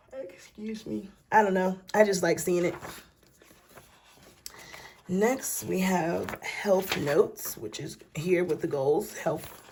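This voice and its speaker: Late at night at home, a planner vlogger casually walks viewers through her planner, sleepy and yawning, chatty and folksy, calling them "y'all" and "child." Her voice sits on the low side with a darkish tone, and there's slight background noise.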